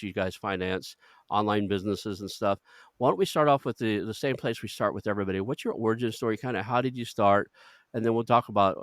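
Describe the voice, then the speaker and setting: A man's voice: on the low side, dry recording, clean studio sound. A man hosting a podcast, chatty and rambling with a self-deprecating, casual manner. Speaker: podcast host. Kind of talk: casual interview chat.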